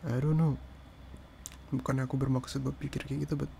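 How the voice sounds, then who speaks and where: A young man in a whispered role-play, talking softly and gently as he comforts and hushes someone. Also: mid-range voice, flat delivery, fairly quick, gravelly, slight background noise. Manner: hushing and soothing. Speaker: ASMR performer.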